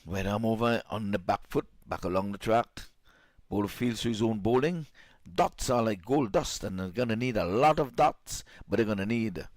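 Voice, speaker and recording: Low-voiced male cricket commentator, dry sound. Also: normal speed, dry recording. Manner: rises sharply in pitch and volume at big moments. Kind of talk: live sports commentary.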